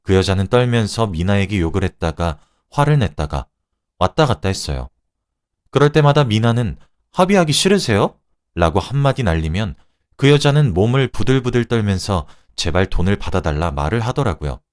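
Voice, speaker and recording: A man reading a first-person story aloud in an expressive, conversational way. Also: fairly low pitch, fairly quick.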